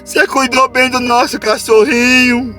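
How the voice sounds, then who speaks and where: Old dying mother, pleading and tearful, done by a male storyteller; very high, soft music bed. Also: little pitch movement, measured pace, heavily acted. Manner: pleading, repeats "meu filho". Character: dying elderly mother in a nursing home, pleading.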